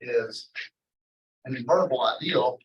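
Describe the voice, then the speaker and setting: A man giving an informal university math lecture in a rambling, halting way, often interrupting himself and drifting into asides. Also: medium pitch, muffled recording. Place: indoor classroom. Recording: echoey lecture room, distant mic.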